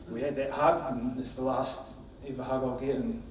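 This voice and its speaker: A man speaking at his father's funeral in a halting, tender way. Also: medium pitch, little pitch movement, a little hiss or hum. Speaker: son giving a eulogy. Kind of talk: emotional funeral tribute. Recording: dull, distant, echoey sound.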